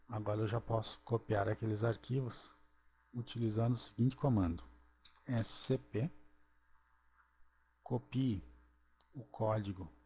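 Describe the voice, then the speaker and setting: A man narrating a screen-recorded programming tutorial, walking through each step slowly and checking in with "ok?". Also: on the low side, vocal fry, mellow, husky. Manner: slow, step-by-step, checks in with "ok?" and "certo?".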